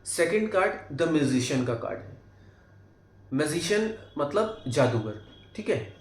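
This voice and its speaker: A man's voice: on the high side, sing-song, a little slow. A man with a Hindi accent teaching tarot basics, walking through each card and often checking in with tag questions and fillers. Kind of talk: explaining cards one by one. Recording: echoey room.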